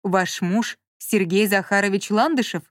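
A brusque middle-aged businessman, impatient and suspicious on the phone, voiced by a woman narrator. Lower and flatter than the heroine, in a dry close sound. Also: a little slow, dry recording, lightly acted. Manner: curt, impatient. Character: impatient middle-aged male company director.

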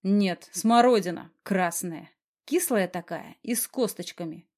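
A woman reading an audiobook and voicing a stern, protective young male boss who speaks slowly and firmly. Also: mid-range voice, darkish tone. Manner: slow, firm, growling.

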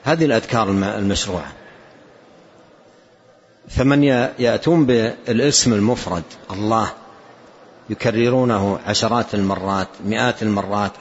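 An older man with a Saudi accent giving an Islamic religious lesson, explaining a text and often repeating his key phrases for emphasis. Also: lowish voice. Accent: Saudi Arabian. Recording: dull lo-fi lecture recording.

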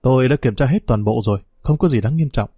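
A man voicing a calm hospital doctor who speaks in a brisk, matter-of-fact way. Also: medium pitch, breathy edge, no echo, clean studio sound.

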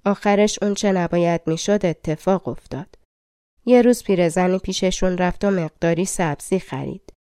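A woman narrating a fairy tale audiobook in a colloquial, measured storytelling manner. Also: fairly low pitch, dark tone, clean tone, no room sound, clean studio sound.

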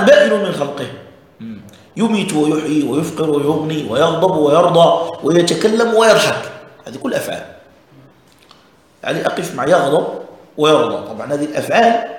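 A man gives a religious lesson, explaining a text point by point and often stopping to check that his listeners follow. His voice sits a little high and he talks fast. The room is strongly echoey. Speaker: religious teacher.

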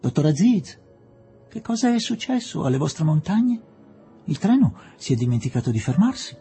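A man putting on an elderly English lady in a storybook reading, light and teasing, her voice lifted well above his own and softly mellow. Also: a little high, sing-song, normal speed, soft background music, pitched above the performer's own voice.

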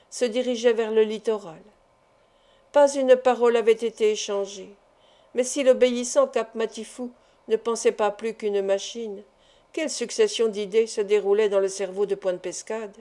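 A woman giving a measured, expressive audiobook narration. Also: fairly high pitch. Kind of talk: scripted literary narration.

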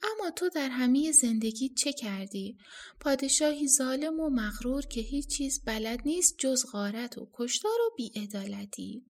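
Stern old hermit sage, voiced by a woman narrator, slow, weighty scolding, storybook reading. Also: high-pitched, darkish tone.

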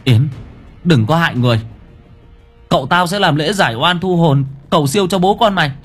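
A man's voice: fairly high pitch, expressive, fairly quick, fairly bright tone, breathy edge, faint music behind, voice pushed up. A man voicing a frightened young boy who stammers and repeats words in an audiobook story. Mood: pleading.

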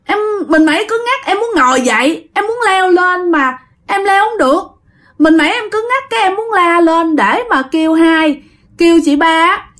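A woman's voice: very high-pitched, animated, normal speed, fairly bright tone, voice pushed up. A woman with a Southern Vietnamese accent voicing a frightened young boy who pleads in tearful, breathless bursts. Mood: scared, tearful. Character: frightened young boy, crying and stiff with fear.

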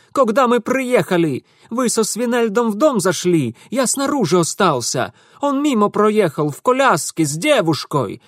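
A shrill, panicky young man, yelling high above a normal voice. The voice swoops wildly and is recorded dry and close. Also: no echo. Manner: shrieking, frantic yelling.

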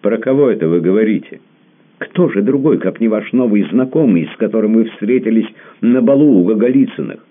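A man's voice: deep voice, animated, moderate pace, voice pushed up. A man voicing a young count, distraught, jealous and pleading. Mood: desperate. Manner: agitated, pleading, crying out. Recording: lo-fi phone-like audio.

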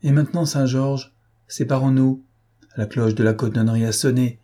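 A man voicing a gentle young woman servant who speaks softly and with gentle reproach in an audiobook. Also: mid-range voice, fairly even intonation, normal speed, close to an everyday voice. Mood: tender, rueful. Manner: soft, pleading and gently reproachful. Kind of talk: audiobook character voice.

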